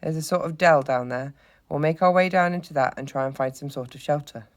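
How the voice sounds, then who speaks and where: A reader voicing a brave, good-natured male water rat in a storybook read-aloud, brisk and reassuring. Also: mid-range voice, lightly acted.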